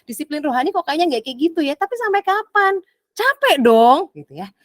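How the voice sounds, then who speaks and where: A woman's voice: high voice, sing-song, fairly quick, dry recording, studio quality. A woman, preaching a sermon in a casual way, often slipping into English and acting out quoted voices. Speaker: pastor.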